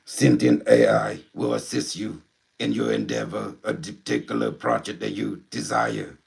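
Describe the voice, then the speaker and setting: A man voicing a calm, helpful male robot intelligence from the future, speaking slowly and mechanically, like system announcements. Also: fairly low pitch, vocal fry, exaggerated voice.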